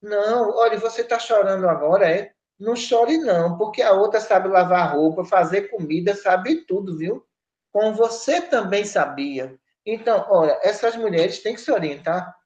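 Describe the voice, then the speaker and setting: A woman's voice: medium pitch, moderate pace, darkish tone. A woman lectures firmly as a spiritual counselor, scolding and driving her points home with tag questions. The recording is roomy and muffled. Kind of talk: spiritist study podcast talk. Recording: roomy, dull lo-fi sound.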